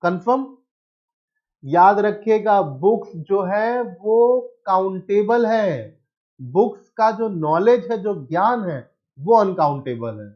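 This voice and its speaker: A man's voice: high-pitched, lively intonation, takes it slowly, muffled recording. A male teacher giving an online exam-prep lesson, asking questions and answering them himself, mixing English phrases into his explanation.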